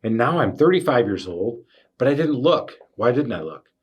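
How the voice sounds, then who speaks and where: A man telling his own workplace stories as a podcast host, animated and full of fillers. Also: medium pitch, normal speed, husky, dull audio. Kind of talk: casual storytelling chat.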